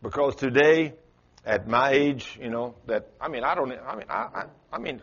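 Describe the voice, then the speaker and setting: A man in his late sixties preaching a folksy sermon, quizzing his congregation and rising to loud exclamations. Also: mid-range voice, normal speed, husky, lo-fi sound. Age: 60s. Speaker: pastor.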